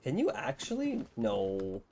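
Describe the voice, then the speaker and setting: A man's voice: medium pitch, huge pitch swings, slow pace, dark tone, a little hiss or hum. A young man streaming a game, chatting casually and amiably with strangers he meets. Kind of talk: casual chat while playing a game.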